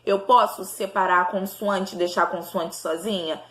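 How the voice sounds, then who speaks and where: A woman teacher, giving a recorded lesson to young pupils and sounding words out slowly, syllable by syllable. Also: mid-range voice, steady tone, fairly bright tone, reverberant. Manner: slow, syllable-by-syllable enunciation for children. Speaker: primary school teacher.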